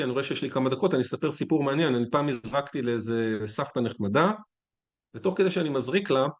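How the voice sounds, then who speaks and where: A man, a physician, giving a conference lecture in a conversational, candid way with anecdotes. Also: mid-range voice.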